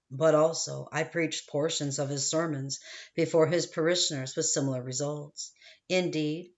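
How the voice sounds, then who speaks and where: A woman reading a first-person memoir audiobook in a steady, measured way. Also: sits low, highs cut off. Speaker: audiobook narrator.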